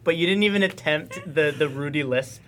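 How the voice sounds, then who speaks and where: A man's voice: a little high, brisk, background noise. A man guest-hosting a casual podcast, handing out scores in a playful, mock-official way. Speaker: guest co-host.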